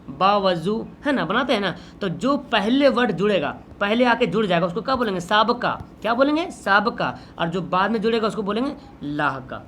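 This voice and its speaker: A man's voice: sits high, sharp tone, a little hiss or hum. Bihari man teaching an exam-prep lesson. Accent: Bihari Hindi. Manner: explains patiently, repeats questions back to students.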